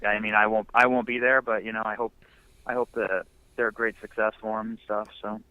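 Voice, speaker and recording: Over a muffled phone line, a young male musician gives a laid-back interview, rambling with plenty of fillers. His lowish voice moves little in pitch and comes across brisk, the recording dry.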